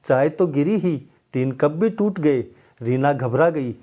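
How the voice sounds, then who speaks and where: Mellow man narrating a story. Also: on the high side, animated, slow, lo-fi sound.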